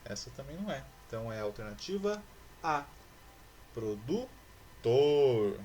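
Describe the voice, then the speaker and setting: A male teacher talks through a grammar exercise in a patient, explanatory way. His voice sits at a middling pitch, and he slows down to stretch out each example word syllable by syllable. A faint hiss runs behind him. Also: sing-song, fairly bright tone. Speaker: school teacher. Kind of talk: recorded online class.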